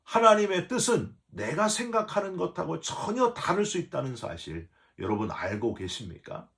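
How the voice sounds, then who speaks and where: A middle-aged man, a pastor, preaching a dawn service sermon in a church with animated storytelling. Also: fairly high pitch, normal speed, vocal fry. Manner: animated storytelling, acting out quoted voices.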